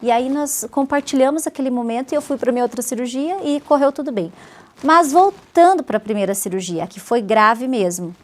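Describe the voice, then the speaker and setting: A woman in her forties, a pastor, recounts her story as an interview guest. She has a fairly high voice and tells it vividly, slipping into a hushed tone whenever she repeats someone else's words. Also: lively intonation, brisk. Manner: vivid storyteller, acts out others' words softly. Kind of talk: personal testimony in a talk show interview.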